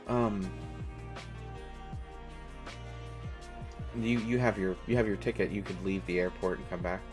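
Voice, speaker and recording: Shy and coaxing, a low-voiced American man acts out an awkward but kindly stranger in a casual, intimate one-sided audio roleplay. He halts and hesitates, letting sentences trail off and correcting himself as he goes.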